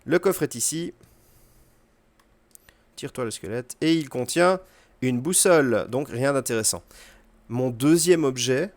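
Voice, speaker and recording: Guy chatting over his gameplay, easygoing, lots of euh, mid pitch, dry close mic. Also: no echo. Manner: relaxed explaining with fillers and quick asides to the game. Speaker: gaming video host. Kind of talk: casual gameplay commentary.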